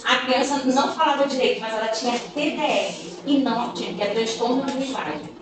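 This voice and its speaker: A woman with a high voice tells stories in a casual talk to a group of teachers, playing the voices of the children and parents she describes. She is recorded from a distance, and a heavy echo fills the room. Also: a little fast. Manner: animated storytelling, acting out children and parents. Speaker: guest speaker on gifted education. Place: large room or hall at a school training session. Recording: echoey room, voice from far off.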